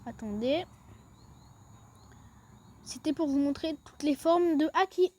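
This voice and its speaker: A woman who makes gaming videos chats casually through a step-by-step game walkthrough, often saying "then" as she moves to the next step. Her voice is high with a darkish tone, and she speaks slowly.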